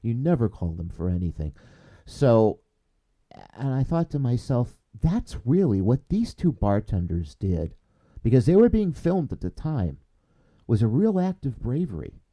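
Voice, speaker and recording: A man hosting a casual podcast, talking in a halting way with many restarts, growing more upbeat as he signs off. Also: mid-range voice, sing-song, warm tone. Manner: halting, many restarts and fillers, rising when signing off. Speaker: podcast host.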